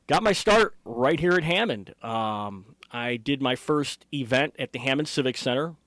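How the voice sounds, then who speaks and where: A man's voice: mid-range voice, animated, moderate pace, fairly bright tone, no room sound. A middle-aged man with an American accent, a ring announcer answering interview questions conversationally.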